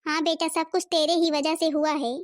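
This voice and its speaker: A woman's voice: sits high, flat delivery, moderate pace, lightly acted. A woman voicing a fretful, self-pitying old mother-in-law in a cartoon, complaining plaintively. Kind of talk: Hindi cartoon voice acting.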